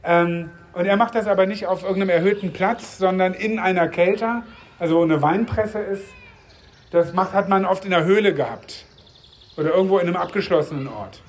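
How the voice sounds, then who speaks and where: A man's voice: high voice, a little fast. A man reading a Bible passage and then preaching in a conversational way, putting questions to his audience.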